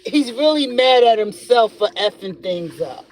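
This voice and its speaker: A woman hosts her podcast in an unhurried, rambling solo chat, breaking into laughter as she tells stories. She records from the driver's seat of a car. A faint hum of road and engine noise sits under her voice. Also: on the high side, low-quality recording. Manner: laughs often, rambling and animated storytelling. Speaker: podcast host. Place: in a car while driving. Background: faint road and vehicle noise.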